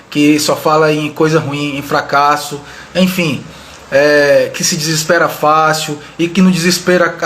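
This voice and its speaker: A man's voice: a little high, a bit bright. A man giving a live online leadership training, talking conversationally and addressing viewers directly with frequent tag questions. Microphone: video call style webcam mic.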